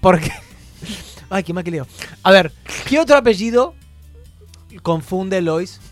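Quiz host: Rioplatense woman, lively pitch, casual and stumbling, light music bed. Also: takes it slowly, no echo. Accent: Rioplatense Spanish. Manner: animated, reads questions with stumbles and laughs. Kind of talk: casual trivia quiz chat.

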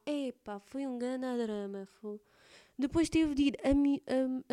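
A chatty teenage girl with a European Portuguese accent rambles on to her viewers, full of fillers. Her voice sits a little high and rings smooth and clear. She sounds slightly congested, with a touch of phlegm. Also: warm tone. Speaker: student vlogger. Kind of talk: casual chat to camera.

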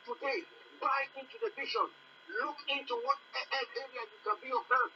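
Preacher for fundraising sermon: medium pitch, intensely bright and tense, emphatic repeated appeals, muffled lo-fi capture with slight noise. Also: steady tone, brisk. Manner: emphatic, repetitive exhortation. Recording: distant mic, dull lo-fi, faint noise.

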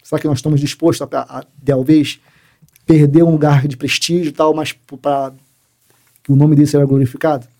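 A man, a police sergeant telling a personal faith story in an interview, acting out dialogue and sinking very low at emotional points. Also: little pitch movement, a little fast, warm tone. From Rio de Janeiro, Brazil. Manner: emphatic storyteller who acts out dialogue and drops very low in emotional moments.

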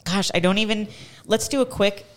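A woman hosting a podcast in casual chat, chatty and self-deprecating and quick to laugh. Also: medium pitch. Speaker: podcast host.

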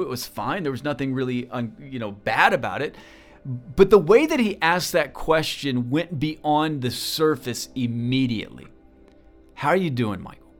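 A man telling a personal story in a talk, earnest and halting, often repeating words as he goes. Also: mid-range voice. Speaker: speaker.

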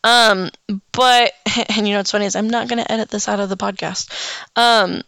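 Young woman, solo podcast host, casual and rambling, swears freely, yawny and hiccupy; smooth clear voice, dry close sound. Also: mid-range voice, fairly even intonation, normal speed, a bit bright, no room sound. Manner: rambling, frank, swears often, many ums and likes. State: yawning and hiccuping.

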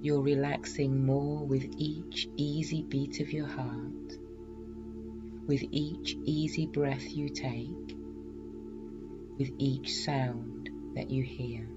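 Calm, meditative woman hypnotherapist, muffled recording. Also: a bass voice, slow, loud music behind the voice. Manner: calm, meditative, soothing delivery. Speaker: hypnotherapist and weight loss coach, podcast host. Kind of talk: guided self-hypnosis session.

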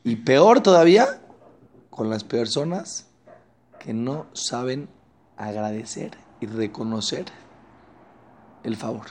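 A man giving a religious lesson on Torah ethics, talking in an animated way and acting out the people he quotes. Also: medium pitch, slow pace, long pauses. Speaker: Torah teacher.

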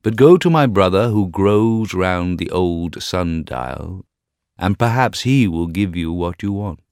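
A man voicing a calm rose tree in a storybook reading, speaking in a measured, firm way. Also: deep voice, clear, resonant tone, no room sound, clean studio sound. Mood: solemn.

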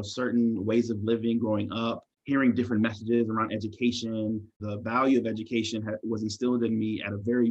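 A man speaking as a podcast guest, answering in a measured, thoughtful way with frequent fillers and restarts. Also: fairly low pitch, slightly rough. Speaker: guest, assistant dean of students. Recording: dull lo-fi sound.

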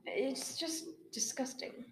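A woman co-hosting a casual chat podcast, rambling and trailing off into restarts. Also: takes it slowly. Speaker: podcast co-host. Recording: roomy echo.

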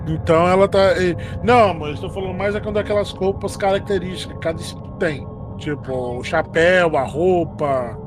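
A man co-hosting a podcast, chatting casually and explaining things in a relaxed, sometimes profane way. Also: high-pitched, moderate pace, over music. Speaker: podcast co-host.

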